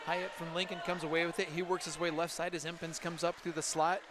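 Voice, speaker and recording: A man calling live hockey play-by-play, rapid and excited, often rising to shouts. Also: on the high side. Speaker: play-by-play commentator. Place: ice rink.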